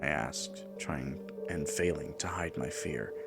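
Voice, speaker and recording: A man narrating a first-person horror story in a measured, hushed delivery, sometimes dropping to a whisper. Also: a bass voice, creaky. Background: music.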